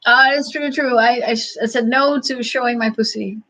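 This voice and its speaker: A woman hosting a casual livestream, answering chat questions in a halting, thinking-aloud way with frequent chuckles. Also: a little high, fairly even intonation, bright, forceful tone, rough recording.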